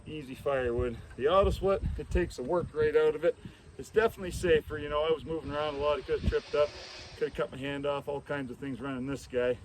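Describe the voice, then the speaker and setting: A man's voice: medium pitch, slight background noise, low-quality recording. A middle-aged man doing a casual product demo outdoors, talking in a blunt, folksy way with casual swearing, a little out of breath. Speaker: equipment demonstrator. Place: outdoors in a work yard.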